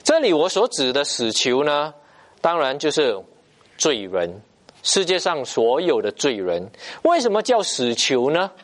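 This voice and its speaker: A man preaching a sermon, emphatic and repetitive, pausing often to stress his points. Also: on the high side, very animated.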